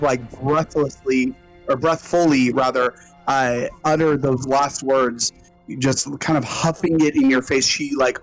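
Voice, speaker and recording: A man narrating as game master of a tabletop role-playing game in an unhurried, descriptive way. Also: mid-range voice, rough recording.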